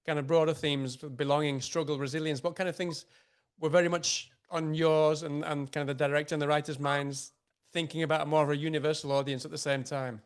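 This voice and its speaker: A man's voice: on the high side, little pitch movement, fairly quick, clean tone. A man interviewing a film actor, asking long, hedging questions full of fillers and restarts.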